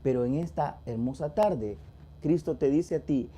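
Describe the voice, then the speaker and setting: A man's voice: medium pitch, measured pace, dark tone, slight background noise. A man co-hosting a church TV program, earnestly retelling a Bible parable in a devotional talk. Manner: earnest, emphatic retelling with acted quotes. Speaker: church TV co-host.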